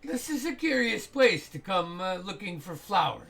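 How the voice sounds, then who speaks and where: A man playing a menacing, suspicious guard who questions intruders with measured, sarcastically polite threats. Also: sits high, very animated, creaky, a bit bright, full character voice.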